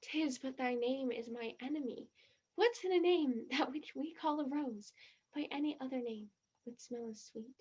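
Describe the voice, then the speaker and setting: In a one-act stage performance, a woman voices an eager adolescent girl, high-pitched and gushingly earnest, reciting with tenderness. She talks at normal speed with a darkish, slightly rough tone. There's some muffling and a lo-fi quality to the sound.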